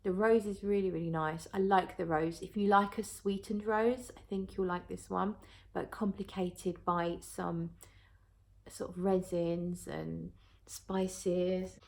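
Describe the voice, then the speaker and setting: A woman's voice: fairly low pitch, level tone, slow pace, creaky. A woman talking casually to viewers as a reviewer, chatty and thinking aloud as she goes. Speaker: perfume reviewer.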